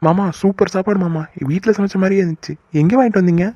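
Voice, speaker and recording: A cheeky, excitable young brother-in-law in a cartoon, voiced by a man. He speaks fast, in a slightly high voice. The recording is dry and somewhat dull. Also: no room sound. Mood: cheerful. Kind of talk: cartoon voice acting.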